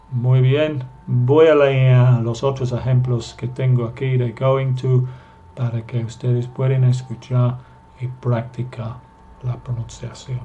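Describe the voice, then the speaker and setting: Slow, careful male language teacher. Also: medium pitch, dark tone, lo-fi sound, slight background noise. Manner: slow and careful, repeating example sentences for learners to copy. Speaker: English teacher. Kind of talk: recorded language lesson.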